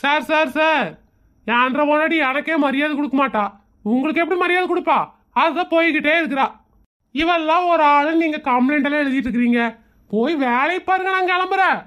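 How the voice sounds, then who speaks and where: A man's voice: extremely high pitch, a little fast, fairly bright tone, highs cut off. A man playing an exasperated, sarcastic husband in a comedy skit, arguing and mocking with a Kongu Tamil accent. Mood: exasperated complaining. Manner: argumentative, mocking, complaining. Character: exasperated, sarcastic husband who mocks everyone around him.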